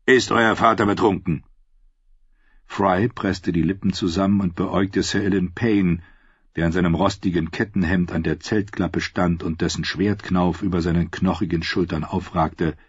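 A man narrating an audiobook in a steady, scripted reading voice. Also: low voice, normal speed, breathy edge, no room sound. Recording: dull lo-fi recording.

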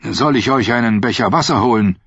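An out-of-breath royal guardsman, dutiful and confused, reporting in halting, panting bursts, as a male reader puts him on. The tone is a little raised and husky. The recording sounds dull and lo-fi. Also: medium pitch, a bit bright, no room sound.

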